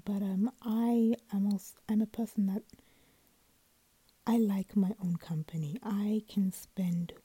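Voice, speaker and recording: A sleepy woman hosting her own podcast, chatting casually in a soft whisper with lots of ums and restarts, close to the mic. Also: medium pitch, breathy edge, no room sound. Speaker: podcast host. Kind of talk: casual solo podcast chat.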